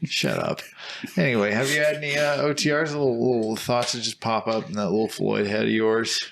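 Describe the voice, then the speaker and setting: A man's voice: mid-range voice, steady tone, fairly quick, vocal fry, noisy background. A man hosting a podcast in casual, joking and teasing chat, swearing freely. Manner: profane. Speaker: podcast host.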